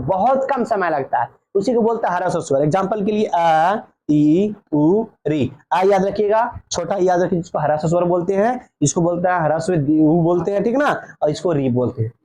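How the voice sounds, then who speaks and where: A man's voice: sits high, lively intonation, fairly quick, a little mellow. A man teaching a grammar lesson. He asks questions and answers them himself, and he draws out each vowel sound.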